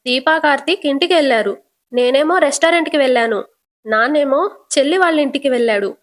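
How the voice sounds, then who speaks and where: A woman voicing an angry middle-aged father who shouts and lectures his daughter. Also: sits high, fairly quick, lightly acted. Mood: angry scolding.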